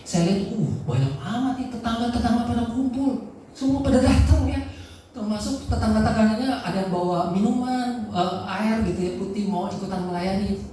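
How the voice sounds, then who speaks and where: A male preacher from Aceh tells stories in a lively, conversational sermon. His voice is dark and mellow. It is picked up from a distance in a very echoey church, with faint room noise behind him. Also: high-pitched, moderate pace. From Aceh, Indonesia. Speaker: pastor. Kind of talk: sermon with storytelling. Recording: echoey church hall from far off.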